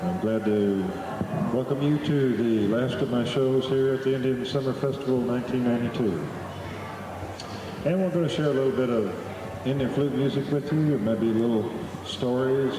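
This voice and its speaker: Between flute pieces on an outdoor festival stage, a middle-aged man from Oklahoma entertains the audience with folksy, joking stories in a medium-pitched voice. The stage PA mic picks him up, but the recording is distant and echoey, with background noise from the festival crowd.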